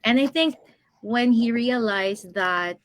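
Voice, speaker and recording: A woman in her thirties, an online business coach appearing as a guest on an interview show, talks casually about her own experience, often laughing between thoughts. Her voice sits on the high side and she speaks slowly.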